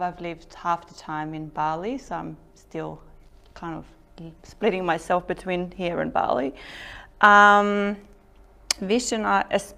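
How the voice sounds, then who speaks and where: Woman, lowish voice, lots of ums, chatty startup talk to a room. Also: creaky, fairly bright tone. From Norway. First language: Norwegian. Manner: hesitant, many ums and restarts. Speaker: startup founder giving a talk. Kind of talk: informal presentation.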